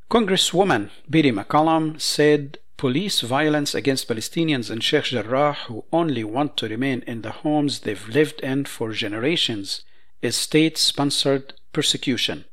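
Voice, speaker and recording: A man presenting news commentary, reading statements in a measured, emphatic way. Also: mid-range voice, a bit bright.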